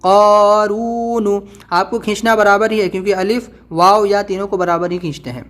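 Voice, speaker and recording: A man teaching Quran reading, drawing out letter sounds slowly and then explaining quickly. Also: high voice, fairly even intonation, a bit bright. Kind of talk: spelled-out reading lesson.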